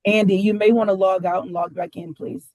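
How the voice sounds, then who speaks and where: A woman on a call who is helping to run a public meeting, speaking in a brisk, practical way. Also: medium pitch, steady tone, darkish tone, no echo, poor audio. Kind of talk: casual meeting talk.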